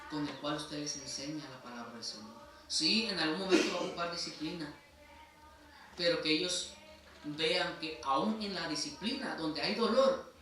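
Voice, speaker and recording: Mexican male pastor, emphatic preaching, fairly high bright voice, echoey distant church sound. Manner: emphatic, repeatedly addresses listeners as brother. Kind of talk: sermon. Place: church sanctuary. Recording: echoey church hall from far off, faint noise.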